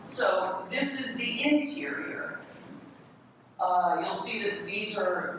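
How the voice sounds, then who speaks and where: A window restorer gives a live hands-on demonstration in a large, echoey city hall room, explaining and defining each part as he shows it. His middling-pitched voice rings heavily through the reverberant space, and the live event recording sounds distant and clearly noisy.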